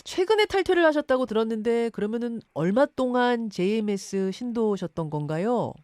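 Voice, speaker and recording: A woman's voice: a little high, lively intonation, a little fast, a little mellow, no room sound. A woman hosting a radio news interview, articulate and emphatic, posing questions to the listeners and the guest. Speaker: radio news show host.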